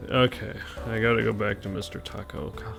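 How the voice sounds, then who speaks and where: A man's voice: on the low side, level tone, fairly quick, gravelly. A man giving casual commentary while playing a video game. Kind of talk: casual gameplay commentary, reading dialogue aloud. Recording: music behind the voice. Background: game music.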